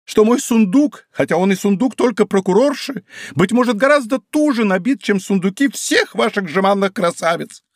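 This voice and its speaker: A man's voice: expressive, moderate pace, no echo, studio quality. A man voicing a miserly, lovestruck middle-aged prosecutor's wife who pleads and scolds. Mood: indignant. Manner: pleading, shrill, emotional.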